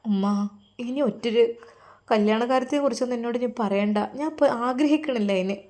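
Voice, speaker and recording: Tearful pleading young woman, a woman doing her, higher and softer than the narrator. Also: brisk, natural voice. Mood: despairing. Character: grieving young woman praying for her sick beloved.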